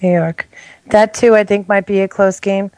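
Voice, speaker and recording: A woman's voice: medium pitch, steady tone, moderate pace, darkish tone, no echo. Middle-aged woman, casual chat, hesitant, self-deprecating, dry close sound. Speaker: guest making football picks.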